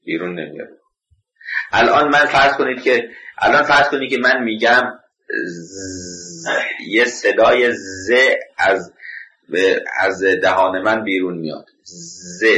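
A male teacher delivers a scholarly lecture in a low, forceful, bright voice. He talks deliberately, falls back on the same stock filler phrases, and keeps pausing to check that his listeners are following. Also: low-quality recording. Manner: often checks understanding with the class.

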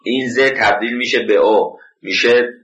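A man giving a scholarly lecture as a teacher, deliberate and leaning on set filler phrases, often stopping to check that the class follows. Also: medium pitch, fairly bright tone, muffled recording.

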